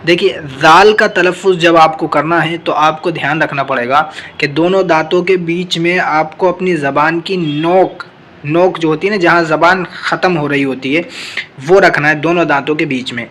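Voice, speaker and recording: Bright-voiced man teaching letter sounds. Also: fairly high pitch, slight background noise. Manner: patient, repeats each letter slowly. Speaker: Quran reading teacher. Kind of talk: step-by-step recitation lesson.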